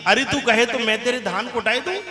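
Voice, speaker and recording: A man's voice: extremely high pitch, fairly quick. A male preacher voicing a playful, teasing young cowherd god in a tinged storytelling voice. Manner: teasing, coaxing. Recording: echoey hall with music.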